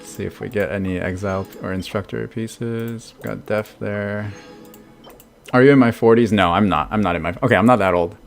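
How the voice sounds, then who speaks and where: On his game live stream, an American man in his thirties chats casually with viewers and laughs frequently. He talks at a moderate pace in a gravelly voice on the low side, with soft music in the background.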